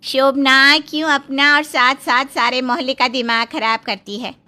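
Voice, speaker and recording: A woman voicing a sharp-tongued middle-aged neighbor who trades sarcastic retorts in a cartoon. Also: sits high, steady tone, normal speed, faint music behind.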